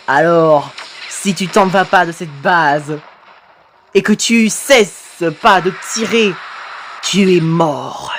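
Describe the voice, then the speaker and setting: A woman voicing a menacing ghostly male titan with a camera head, speaking slowly, low and threatening. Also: slight background noise.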